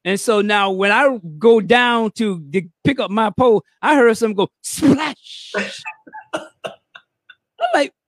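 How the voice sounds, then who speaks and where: High-voiced man telling stories. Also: a little slow, long pauses, no echo. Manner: animated storyteller, repeats words, calls people man. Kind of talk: casual chat.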